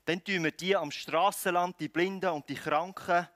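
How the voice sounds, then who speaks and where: High bright Swiss German preacher. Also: male voice, moderate pace, dry recording. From Switzerland. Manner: animated preaching that swings between loud calls and quiet intimate lines. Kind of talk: sermon.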